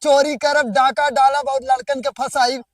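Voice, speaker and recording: A man's voice: very high-pitched, little pitch movement, moderate pace, distant mic, heavy background noise. A man with an Awadhi accent, scolding and threatening his wife in a rustic village comedy sketch. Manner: blustering, scolding.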